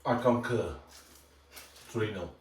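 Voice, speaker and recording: A man's voice: fairly low pitch, slow pace, a little hiss or hum. A man with a Yorkshire accent, co-hosting a snack taste test and dropping dry one-liners. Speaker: co-host of a cooking channel. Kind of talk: casual chat during a taste test. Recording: echoey room, mic at a distance.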